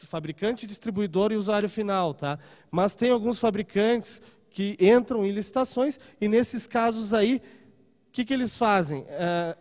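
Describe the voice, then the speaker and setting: A man's voice: high-pitched, darkish tone, long reverb tail. A man in his thirties giving a live seminar talk in a large conference room through a handheld microphone, checking in with the audience often. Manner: conversational, frequent "tá?" and "né?" check-ins. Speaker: trade seminar speaker.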